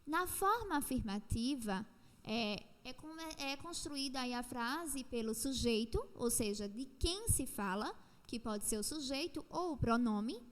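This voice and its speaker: A woman with a Brazilian Portuguese accent explaining an English lesson step by step, repeating points and slowing down on the examples. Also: sits high, expressive, big-room sound. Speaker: teacher. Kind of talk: recorded online lesson.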